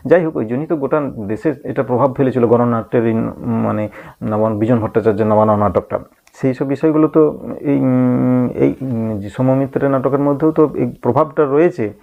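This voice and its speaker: Gravelly-voiced man teaching over tinny audio. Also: mid-range voice, fairly quick. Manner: thinking aloud with frequent hums and restarts. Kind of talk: reading and explaining a play in a lesson.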